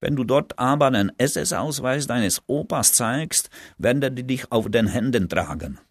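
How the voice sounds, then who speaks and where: A man's voice: medium pitch, expressive, unhurried, no echo, studio quality. A man reading an audiobook, voicing a crude, blunt young drinking buddy in a pub. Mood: mocking. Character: boozy young Czech pub buddy, brash joker.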